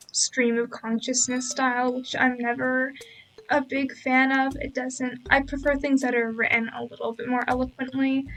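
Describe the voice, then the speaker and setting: Young woman, book vlogger voice-over; high-pitched, some fry, relaxed rambling chat full of "um" and "like". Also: poor audio. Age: young adult. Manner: rambling, many fillers and hedges.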